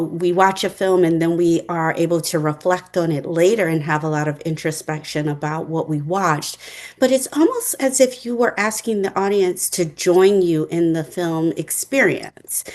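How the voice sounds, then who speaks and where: A woman hosting an interview as a psychologist, speaking in a measured, reflective way with academic phrasing. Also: mid-range voice, a little mellow. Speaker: host and psychologist. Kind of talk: interview conversation.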